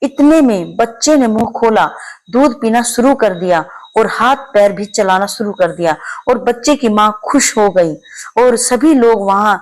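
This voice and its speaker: A woman's voice: medium pitch, measured pace. A woman telling a devotional folk tale, narrating expressively and voicing the characters' pleas. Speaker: storyteller.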